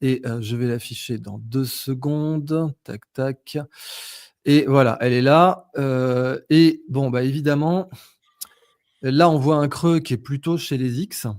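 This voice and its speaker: A man, hosting a casual finance chat. He talks in a slangy, animated way. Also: medium pitch, unhurried, no room sound, clean studio sound. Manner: slangy, animated, stops to check charts. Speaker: host. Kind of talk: casual market commentary chat.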